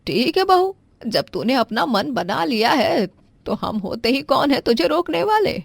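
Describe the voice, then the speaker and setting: A woman voicing a stern, suspicious middle-aged mother-in-law who questions and scolds slowly. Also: sits high, very animated, vocal fry, dry recording, voice pushed up, full character voice.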